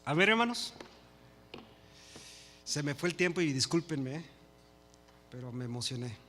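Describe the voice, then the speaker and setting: A man's voice: fairly high pitch, lively intonation, measured pace, sharp tone, slight background noise. Older preacher man in a reverberant hall. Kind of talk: Spanish-language sermon and prayer. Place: church hall. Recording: long hall reverb with faint music.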